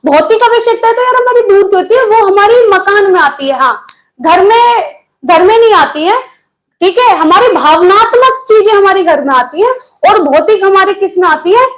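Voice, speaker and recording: Woman, teacher, very high voice, live online class, repeats key phrases, quizzes students. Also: lively intonation, moderate pace, rough recording.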